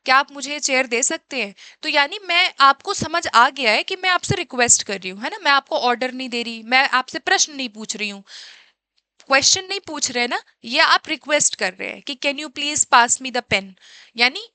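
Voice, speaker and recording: A woman's voice: sits high, lively intonation, fairly quick, bright, forceful tone, dry recording. A woman teaching an exam-prep language class, explaining step by step and asking and answering her own questions. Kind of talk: Hindi-English mixed lecture.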